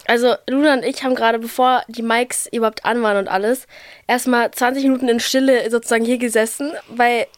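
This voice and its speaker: Casting: teenage female host, highish voice, slangy casual talk sprinkled with English, dry close sound. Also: steady tone, fast talker, no echo. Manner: youthful slang mixed with English. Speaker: podcast host. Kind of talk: casual chat.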